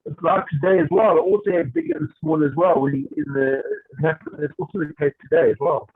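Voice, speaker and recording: Class participant on a broken video-call line: underwater-sounding, phone-thin, gravelly man repeating his question. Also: on the high side, animated, quick pace. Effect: garbled, underwater-sounding connection. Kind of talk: question in an online study class. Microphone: poor phone or computer mic on a video call. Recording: tinny, distant, garbled call audio.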